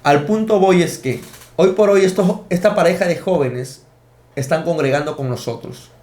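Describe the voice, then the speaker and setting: A man's voice: a little high, moderate pace, a little mellow. A man preaching a sermon, teaching emphatically and counting out his points. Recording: echoey room.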